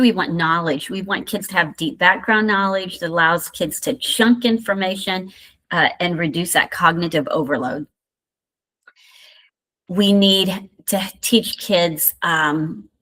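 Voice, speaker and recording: A woman's voice: fairly low pitch, fairly bright tone. A middle-aged woman with a Southern American accent, giving a recorded university lecture in a conversational way with many fillers and asides. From Indiana. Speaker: university instructor.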